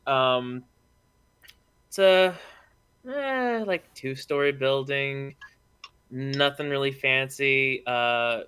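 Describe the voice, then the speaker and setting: A man narrating a tabletop game as game master, in a loose, halting style with many fillers, speaking over an online voice call. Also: mid-range voice, sharp tone, clean tone.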